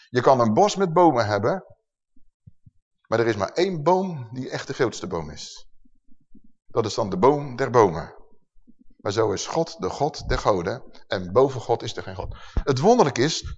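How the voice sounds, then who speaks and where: A man preaching a sermon, emphatic and full of rhetorical questions to his listeners. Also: mid-range voice. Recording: dull sound with long hall reverb.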